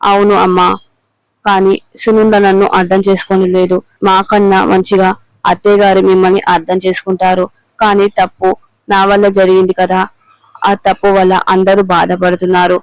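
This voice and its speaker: A man reading the lines of a remorseful middle-aged husband begging his wife to listen, in a flat, clear voice. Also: high voice, normal speed, no echo, low-quality recording. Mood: pleading. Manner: pleading.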